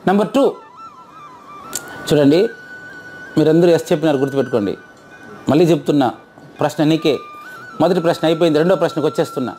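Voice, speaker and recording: A man's voice: fairly high pitch, quick pace, pauses often, warm tone, soft background music. A man teaching a group, asking his audience questions over and over and checking their answers. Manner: quizzes audience, repeats questions. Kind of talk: interactive lecture.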